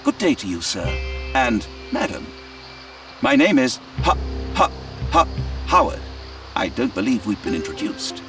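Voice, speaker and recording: A man's voice: mid-range voice, very animated, unhurried, long pauses, over music. An actor playing a polite, old-fashioned male robot archaeologist booting up, speaking in a formal, courtly way with a stammering restart. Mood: mechanical.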